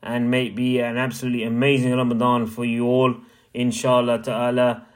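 A man records a short message for a podcast. His voice sits mid-range and he talks in a relaxed, warm way, mixing slang with blessings. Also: mid-range voice, fairly quick. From West London. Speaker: caller sending a message.

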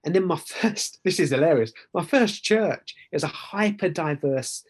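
Speaking at a normal speed, a middle-aged man with an Essex accent recounts personal stories in conversation as a podcast guest; he works for a church and comes from Essex, England. His voice sits a little high, with lively intonation and a slightly rough edge. His manner is earnest and emphatic, peppered with "right?" check-ins.

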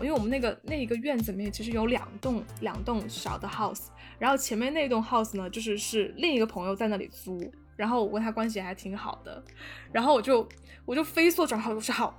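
A young woman telling a story in casual chat, animated and full of fillers and restarts. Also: fairly high pitch. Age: young adult. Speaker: podcast guest storyteller.

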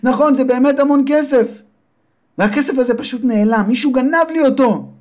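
A scolding biblical mother in a children's storybook, voiced by a male narrator. Her voice jumps high and loud as she rails against a thief. She sounds indignant and theatrical. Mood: outraged.

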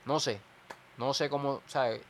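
A man's voice: mid-range voice, fairly even intonation, unhurried, a bit bright, a little hiss or hum. A man in a casual chat, telling a story animatedly and acting out the people in it.

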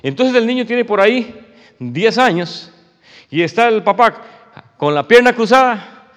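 A man's voice: sits high, expressive, a little slow, fairly bright tone, long reverb tail. A male pastor preaching a sermon in an emphatic, conversational way, often calling his listeners "brother".

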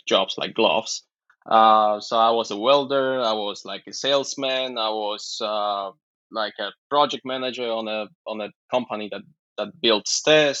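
A man in his thirties from Poland with a Polish accent, a guest speaking halting, casual English and laughing often. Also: on the low side, bright, forceful tone, no echo, muffled recording. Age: 30s. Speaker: guest, online seller. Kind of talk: casual interview chat.

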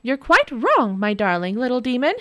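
A woman voicing a bold, determined young wife in a storybook reading, in a high, sugary, mock-sweet manner. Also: big pitch swings, unhurried, a bit bright, no echo.

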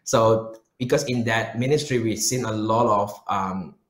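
Speaking on the low side at a measured pace, with fairly even intonation, a Malaysian-accented man earnestly shares personal answers in an interview. He appears as a pastor and missionary guest, and the recording echoes with room sound.

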